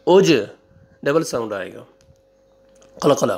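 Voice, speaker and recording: A man with a Pakistani Urdu accent teaching a Quran reading lesson, slowly drawing out syllables for pupils to repeat and then adding quick explanations. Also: a little high. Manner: slow, drawn-out drilling of syllables with quick asides. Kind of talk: online recitation lesson.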